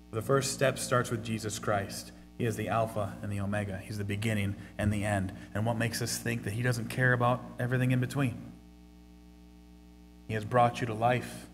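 A man preaching a sermon in a church with earnest, dynamic delivery, moving from raised exclamations to hushed prayer. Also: medium pitch, long reverb tail, low-quality recording. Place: church sanctuary.

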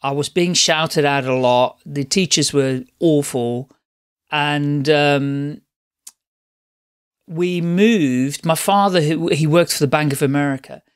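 A man's voice: on the high side, takes it slowly, clear, resonant tone. A middle-aged man from the Netherlands, a podcast guest chatting at length about his life in a rambling, restarting way. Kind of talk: casual interview storytelling.

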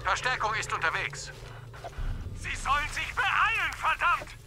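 An actor playing a male soldier in a video game who yells urgently for reinforcements. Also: very high voice, very animated, a little slow, exaggerated voice. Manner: yelling urgently. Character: shouting male soldier calling for backup. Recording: distant game audio with noise.

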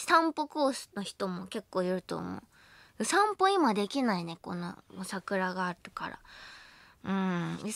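In a radio studio, a young woman hosts a late-night show into a studio mic with no room sound, her medium-pitched voice a bit bright. She chats playfully and casually, giggles often, teases herself, and acts out both sides of a mock argument.

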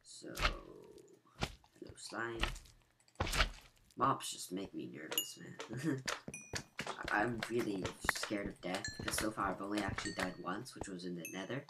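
A man with a gravelly, just-woken-up voice thinks aloud while he builds, explaining each step. His speech sits fairly low. A home desktop mic picks up a steady hiss and clicking. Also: a little fast, few pauses. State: raspy morning voice, just woke up. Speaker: gaming channel host. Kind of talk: gameplay walkthrough commentary.

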